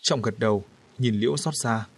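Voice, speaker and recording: A man narrating a horror story with a husky voice in a steady, measured way. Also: mid-range voice, no echo.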